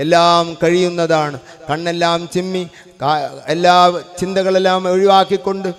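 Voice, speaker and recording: A man's voice: sits high, fairly even intonation, normal speed, soft background music. A man preaching a sermon as an Islamic preacher, stressing points by repeating phrases.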